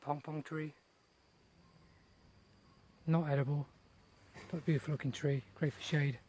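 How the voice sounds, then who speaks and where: A man giving a casual, unscripted garden tour outdoors, speaking in short phrases with pauses between them. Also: a little high, little pitch movement, darkish tone. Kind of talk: casual rambling vlog narration. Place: outdoors in a large rural garden. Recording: noisy outdoor recording with nature sounds.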